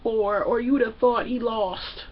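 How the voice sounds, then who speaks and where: A brash, foul-mouthed woman recaps a reality show, her voice sitting high and a little husky. She slips into quick impressions of the people she describes. The recording sounds dull and lo-fi. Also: fairly even intonation. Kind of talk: casual comedic TV recap.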